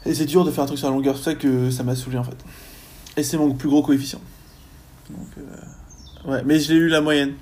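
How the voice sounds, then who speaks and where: A young man, a university student, chatting casually in a podcast interview, often pausing on fillers as he thinks. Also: a little high, little pitch movement, a little mellow, a little hiss or hum. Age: young adult. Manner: chatty, lots of hesitations and fillers.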